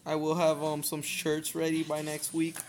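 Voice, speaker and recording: A man casually commentating his own gameplay, excitable and quick to swear as he reacts aloud. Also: on the high side. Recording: noisy home recording.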